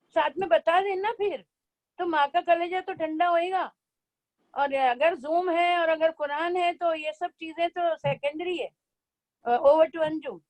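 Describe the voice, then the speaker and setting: Woman, religious teacher, high voice, video call, mixes English, animated storytelling. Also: rough recording. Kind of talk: online religious class talk.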